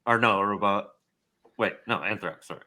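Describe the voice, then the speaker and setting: A man's voice: lowish voice, normal speed. A man running a tabletop role-playing game as game master, narrating with many fillers. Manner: relaxed, filler-heavy narration.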